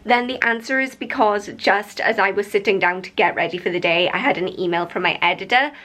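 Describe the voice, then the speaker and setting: A young woman vlogging casually to camera, chatty and excitable, rambling with lots of "like"s and sounding tired. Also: mid-range voice, a little fast. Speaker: vlogger and author. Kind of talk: casual vlog chat to camera.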